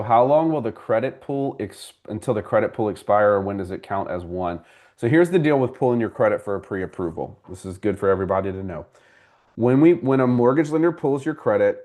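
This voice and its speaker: A man's voice: on the low side, darkish tone. A man hosting a live homebuyer class as a mortgage broker, explaining things conversationally and answering viewers by name. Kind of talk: live class with audience questions.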